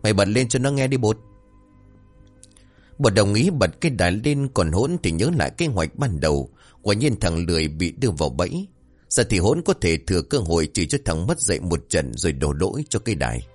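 A man narrating a comic village story in a lively, mischievous way. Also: low voice, brisk, slightly rough, soft background music.

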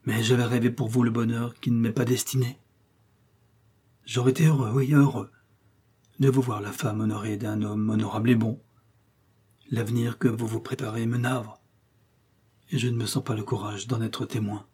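A man voicing an earnest, sorrowful young man in a classic novel read aloud, speaking in a grave and measured way. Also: medium pitch, level tone, mellow, breathy edge, lightly acted. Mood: sad. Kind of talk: audiobook character reading.

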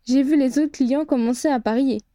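A woman's voice: sits high, normal speed, mellow, no echo, studio quality, natural voice. Brief: a sardonic wizard partner ribbing his colleague; voiced by a woman narrator. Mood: teasing. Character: teasing, wry male wizard partner.

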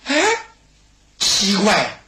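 A man's voice: high voice, huge pitch swings, extremely slow, echoey room, noisy background, full character voice. A male storyteller voicing a brash, cheeky young warrior-heir in a mock-familiar tone. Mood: puzzled.

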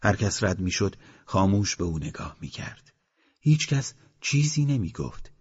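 A man reading a novel aloud as an audiobook narrator, in a measured storytelling manner. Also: deep voice, big pitch swings, slightly rough. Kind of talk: scripted narration. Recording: dull lo-fi recording.

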